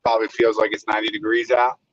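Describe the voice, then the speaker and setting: A man's voice: fairly low pitch, monotone, quick pace, background noise. A man calling into a show from his car while driving, talking in a laid-back, rambling way with some grumbling over a dull, lo-fi phone line. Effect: phone call from a car while driving. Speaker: caller. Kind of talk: casual call-in chat.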